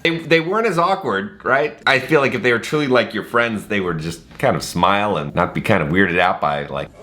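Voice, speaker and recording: Animated sarcastic male vlogger. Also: fairly low pitch, a little fast. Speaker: vlogger and host. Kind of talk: casual chatty commentary.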